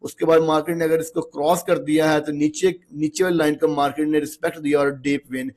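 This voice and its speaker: A trading instructor with a somewhat higher-than-average, darkish voice sounds a little hoarse after a long day of talking. In a brisk, casual screen walkthrough with little pitch movement, he explains charts conversationally. He chats loosely and keeps checking in with the listener through repeated phrases like "okay ji" and "look".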